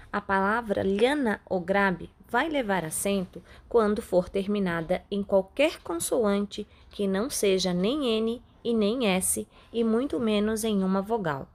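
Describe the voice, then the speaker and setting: A woman teacher with a Brazilian Portuguese accent, patiently explaining a grammar lesson step by step and slowing down on key words. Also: medium pitch. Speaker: Spanish teacher. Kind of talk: recorded online class.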